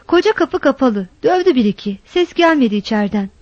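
A woman reading a story aloud in a measured storytelling delivery, in a dull, dry recording. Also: high voice, expressive, darkish tone, dry recording. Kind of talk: scripted narration.

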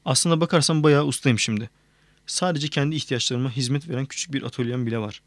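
A man's voice: mid-range voice, fast talker, dry recording, lightly acted. A man voicing a self-assured celebrity psychologist who talks playfully, read plainly as part of an audiobook. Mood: smug. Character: smug celebrity male psychologist, showman. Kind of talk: audiobook character reading.

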